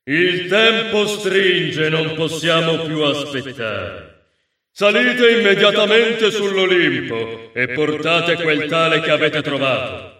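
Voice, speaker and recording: A man voicing an angry, commanding male god king who gives slow, drawn-out, thundering orders. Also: fairly high pitch, lively intonation, bright, forceful tone, heavy reverb, distant mic, full character voice. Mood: furious.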